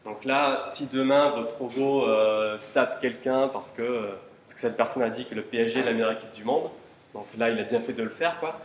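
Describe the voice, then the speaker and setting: A man's voice: medium pitch, normal speed, slight background noise. A man giving an informal talk at a tech conference, asking the audience rhetorical questions and dropping casual fillers. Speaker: conference speaker. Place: conference room. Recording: roomy hall with faint ambience.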